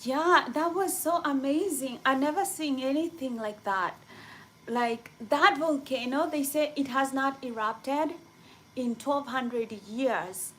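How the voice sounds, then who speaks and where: A young woman from Kenya chatting casually with viewers on a livestream, rambling excitedly with many fillers. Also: sits high, slow, rough recording. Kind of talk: casual live chat.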